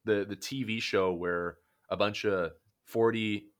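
A man's voice: fairly low pitch, steady tone, a little slow. A young man co-hosting a casual podcast, laid-back and laughing often. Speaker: podcast co-host. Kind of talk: casual chat.

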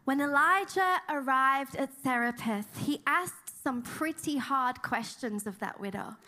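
A woman preaching a sermon with chatty asides, pausing for an interpreter. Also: high-pitched. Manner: lively storytelling, chatty asides. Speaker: guest preacher.

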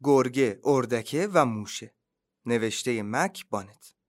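A man hosting and reading a children's story aloud, with lively, animated narration. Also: mid-range voice, a little hiss or hum. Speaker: host and storyteller.

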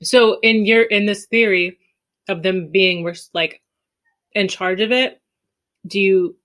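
A woman's voice: medium pitch, fairly even intonation, takes it slowly, fairly bright tone. A woman debating casually on a podcast in an informal, skeptical way.

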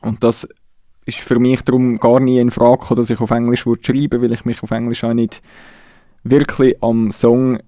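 A man's voice: medium pitch, flat delivery, moderate pace, dark tone, no room sound, clean studio sound. A Swiss man from Nidwalden, a musician guest speaking reflectively and hesitantly in a casual interview. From Nidwalden, Switzerland. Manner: reflective, hesitant, restarts sentences.

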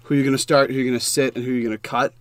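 A man's voice: medium pitch, little pitch movement, rapid-fire, no room sound. A man co-hosting a live show, chatting casually and taking calls. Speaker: podcast co-host taking calls.

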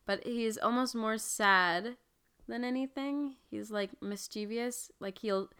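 Woman, podcast co-host, stuffed up from a cold, sarcastic, bright smooth voice. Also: fairly high pitch. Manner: sarcastic, laughing, quick comebacks. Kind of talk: casual movie-review chat. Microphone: podcast microphone.

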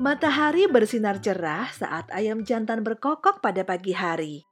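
A woman reading a children's storybook aloud in an expressive, sing-song way. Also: mid-range voice, moderate pace, soft background music. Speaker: storybook reader. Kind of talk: scripted children's story narration.

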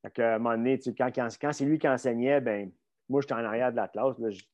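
In a muffled recording, a middle-aged man with a Québécois accent talks bluntly about his years coaching strength. His mid-range voice is steady and darkish, and he talks fast, rambling casually with many fillers and false starts.

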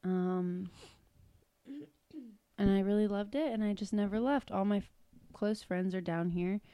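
A warm, smooth mid-range voice with fairly even intonation and an unhurried pace belongs to a Cleveland-area woman in her thirties with a Northern Ohio accent. Co-hosting a podcast, she chats casually, giggles and swears without fuss, and there's no echo.

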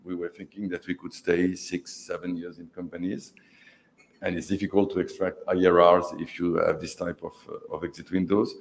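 A middle-aged man, a non-native English speaker, giving a halting, analytical panel talk as a fund manager in the manner of an investment banker, heavy with finance jargon. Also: sits low, level tone, creaky, a little hiss or hum. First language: not English.

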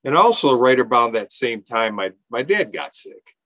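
This man, a nonprofit founder in his fifties, appears as a podcast guest in a casual interview, talking earnestly but rambling, with lots of fillers and restarted sentences. His medium-pitched voice is very animated, bright and forceful at a normal speed. There's no room sound.

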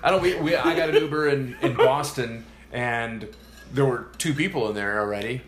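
A man co-hosting a podcast in relaxed casual chat. He tells short anecdotes, laughs along and fills gaps with repeated yeahs. His voice sits in an echoey room over faint background hiss. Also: medium pitch, moderate pace. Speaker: podcast co-host.

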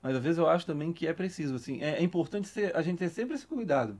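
A Brazilian man hosts a casual film discussion, talking fast with a slightly raised pitch. He weighs his points, stumbling over repeated words. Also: animated, a little mellow. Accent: Brazilian Portuguese. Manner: thoughtful, hesitant, repeats words. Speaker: podcast host.

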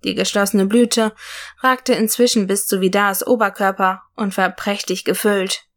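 Female storyteller, steady read-aloud fairy tale narration, mid-pitched voice. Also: moderate pace.

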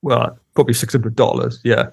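A man's voice: medium pitch, level tone, a little fast, creaky, slightly rough, dry recording. A Welsh man co-hosting a podcast in casual chat, laid-back and swearing freely. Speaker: podcast co-host.

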